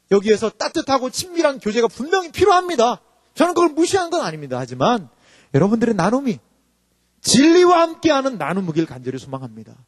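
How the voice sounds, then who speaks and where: A man's voice: very high-pitched, studio quality. A man in his forties, an associate pastor, preaching emphatically and asking the congregation rhetorical questions. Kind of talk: sermon. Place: church sanctuary. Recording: long reverb of a church hall.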